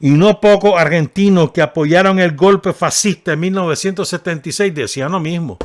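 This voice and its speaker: His voice sits high and he talks briskly, captured in a dry, clean studio recording. Reading a column on the radio, this man with a Nicaraguan Spanish accent discusses it casually, checks in with listeners for agreement and offers ironic commentary.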